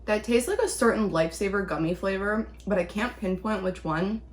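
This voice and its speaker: A woman's voice: mid-range voice, animated, a little fast. A woman chatting casually as she reviews things in a taste-test vlog. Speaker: vlog host, candy reviewer.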